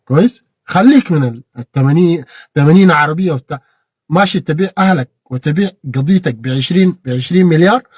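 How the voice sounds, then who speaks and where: A man with a Sudanese Arabic accent giving an impassioned political monologue, repeating phrases and bursting into shouted peaks. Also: on the high side, fast talker, slightly rough, dry recording, clean studio sound. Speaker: political commentator.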